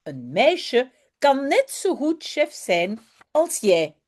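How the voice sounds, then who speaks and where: Woman reading as a calm, firm mother. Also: high voice, slow pace, pitched above the performer's own voice, full character voice. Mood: reassuring. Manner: gently firm.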